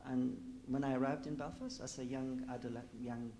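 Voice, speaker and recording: A man's voice: mid-range voice, steady tone, moderate pace, mellow, slight background noise. A man in his forties, born in Afghanistan, a panel guest speaking reflectively with many fillers. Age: 40s. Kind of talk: panel discussion.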